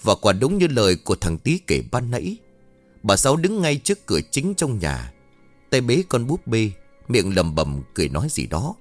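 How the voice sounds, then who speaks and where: A man's voice: medium pitch, sing-song, moderate pace. Somber male horror storyteller. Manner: somber, dramatic. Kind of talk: scripted horror story narration. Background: faint music.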